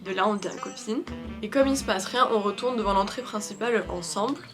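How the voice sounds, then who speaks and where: A woman's voice: medium pitch, fast. A woman vlogger and street-style photographer, casually telling her story in a voice-over with lots of fillers. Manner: chatty, animated, frequent fillers. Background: background music.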